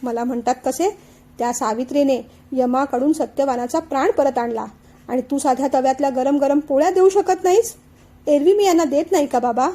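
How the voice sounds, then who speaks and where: Tearful sulking young wife read by a woman, high mellow voice, audiobook drama. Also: a little fast, natural voice. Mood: tearful complaint. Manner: complaining through tears.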